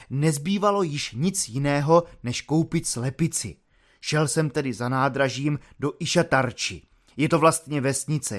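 A man voicing an earnest, courteous simple soldier who explains himself at length in a calm, formal manner, in an audiobook reading. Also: medium pitch, natural voice.

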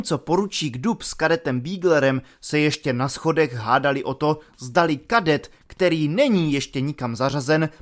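A man narrating an audiobook in an expressive, ironic storytelling manner. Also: on the high side.

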